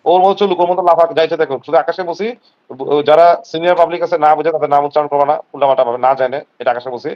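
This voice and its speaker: A man's voice: a little high, fairly even intonation, very fast, dull audio. A man, talking emphatically and repetitively on an online live stream. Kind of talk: heated casual talk.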